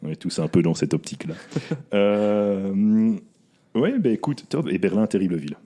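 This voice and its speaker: Man, podcast host, very low voice, hesitant, full of fillers. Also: animated, moderate pace, warm tone. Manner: hesitant, many fillers and restarts. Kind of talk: casual interview chat.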